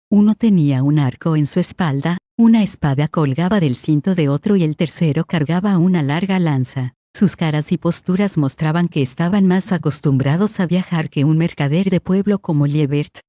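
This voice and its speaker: An audiobook reader giving a steady, even scripted narration of a novel. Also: medium pitch, no echo, studio quality.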